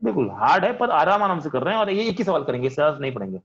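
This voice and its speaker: A man's voice: on the high side, sing-song, racing, fairly bright tone, highs cut off. A man teaching physics in an online class, asking questions and answering them in a student's voice, calling on students by name. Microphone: video call.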